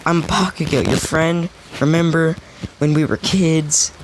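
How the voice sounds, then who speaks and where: A man voicing a pushy former bully schoolgirl, pitched up slightly and insistent. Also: measured pace, very noisy.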